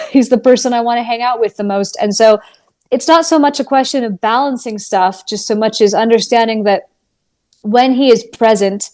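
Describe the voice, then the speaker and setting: A woman's voice: a little high, mellow. A woman in her thirties, a musician guest, talking earnestly and thoughtfully in a casual interview.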